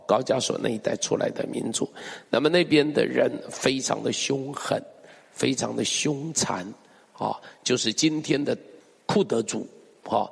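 A man's voice: medium pitch, gravelly, breathy edge, in a large hall. A male pastor preaching a sermon, emphatic and full of rhetorical questions to the congregation. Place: church hall.

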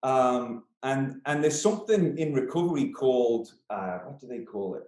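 A man's voice: medium pitch, expressive, moderate pace, a little mellow. Male podcast guest, Isle of Man accent, conversational, recorded over a roomy video call. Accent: Manx (Isle of Man). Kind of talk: casual interview chat.

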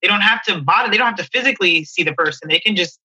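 This is a woman astrologer chatting casually on a podcast. Her voice is strikingly bright, and she talks in loose, rambling sentences full of fillers. The recording is close and completely dry. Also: mid-range voice, rapid-fire, breathy edge, no echo, low-quality recording. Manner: chatty, frequent "you know" fillers.

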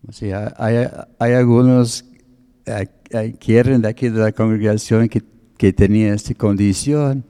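Male preacher, sermon teaching, very dark mellow tone, unhurried deliberate delivery. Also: fairly low pitch, steady tone, clean tone. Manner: slow, deliberate, explains word meanings.

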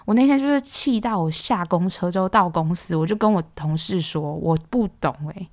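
A young woman with a Taiwanese Mandarin accent, hosting a podcast and ranting in a casual, exasperated, animated way. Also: lowish voice, brisk, no echo. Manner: exasperated, animated, exclaims loudly. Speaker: podcast host.

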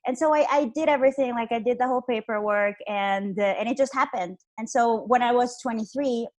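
A woman's voice: a little high, fairly quick, darkish tone. A woman in her twenties from Honduras, a podcast guest chatting casually over a call with many "like"s and restarts. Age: 20s. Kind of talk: casual interview chat. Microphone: video call.

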